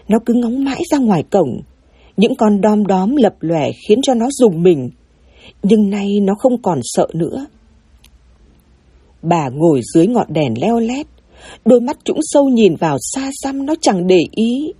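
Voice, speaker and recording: A woman narrating a sad story in an expressive, emotional way. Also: medium pitch, unhurried, breathy edge, no room sound.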